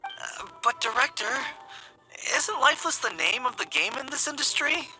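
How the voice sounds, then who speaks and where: A woman's voice: sits high, very animated, normal speed, pushed and bright, heavily acted, rough recording. A woman voicing a long-suffering, hesitant and skeptical employee in a video game, deferential to the boss. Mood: doubtful. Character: long-suffering, doubtful funeral parlor employee. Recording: faint game music behind. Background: game music.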